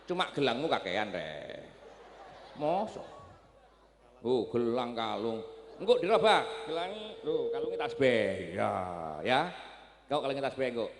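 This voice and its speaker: A man's voice: mid-range voice, measured pace, slight background noise. A man preaching a sermon, telling stories with dramatic swings in volume. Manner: animated storytelling with dramatic shifts in volume. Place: religious gathering with loudspeakers. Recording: echoey PA sound with long reverb.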